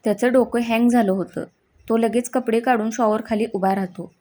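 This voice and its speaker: A woman's voice: a little high, steady tone, moderate pace, mellow. A woman narrating a family drama story, reading steadily.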